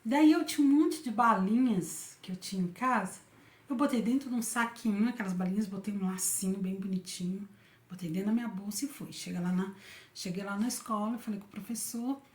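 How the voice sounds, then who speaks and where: A woman's voice: medium pitch, fairly quick. Brazilian woman telling a story, roomy echo. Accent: Brazilian Portuguese. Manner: conversational, tags many phrases with a questioning "né?". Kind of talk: telling a personal faith story. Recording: roomy echoey room.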